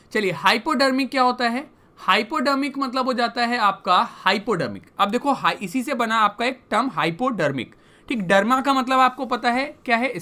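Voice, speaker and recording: A woman's voice: a little high, bright, forceful tone. A young woman teaching English vocabulary in a lesson, explaining each word and putting questions back to her students.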